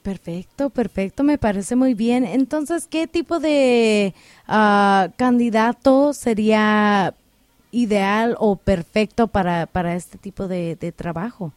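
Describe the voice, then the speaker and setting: A woman hosting a radio interview, asking questions in a relaxed way with frequent hesitations. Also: medium pitch, takes it slowly, dry recording. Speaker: radio host.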